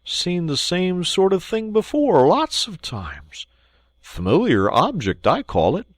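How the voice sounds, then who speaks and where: A fussy, prim mole, as a storybook reader puts him on, who lectures and grumbles with pettish precision. His voice rides higher than the narration and moves a lot. The sound is dry and close. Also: huge pitch swings, slow, no room sound, full character voice. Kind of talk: storybook read-aloud.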